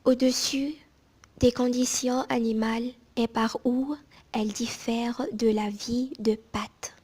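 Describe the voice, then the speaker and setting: A woman reading aloud from a book in a soft, hushed ASMR whisper, like in a library, mostly unvoiced, with careful phrasing and small pauses. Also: fairly high pitch, flat delivery, slightly rough.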